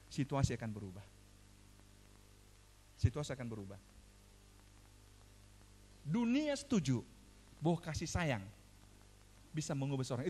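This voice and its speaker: A male pastor delivering a sermon with a high, very lively voice that leaps up and down. He tells stories conversationally, asks rhetorical questions, and swings from hushed to loud.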